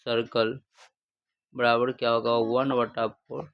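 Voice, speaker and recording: A man's voice: mid-range voice, flat delivery, takes it slowly, vocal fry, highs cut off. A male math teacher. He gives a livestream classroom lesson in call-and-response style, asking questions, repeating the answers and calling his students "babu".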